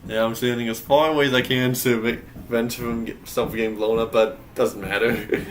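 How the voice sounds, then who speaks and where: A man's voice: medium pitch, little pitch movement, moderate pace, slight background noise. Rambling young male game streamer. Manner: rambling, self-correcting, laughs often. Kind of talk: casual gameplay commentary.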